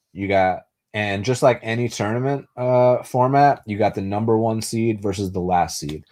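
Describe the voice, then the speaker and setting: The host is a young man whose voice is fairly low and darkish. On his casual live stream he responds to viewer comments in a loose, foul-mouthed way, stumbling through fillers and restarts. He's a first-language Spanish speaker brought up in the United States.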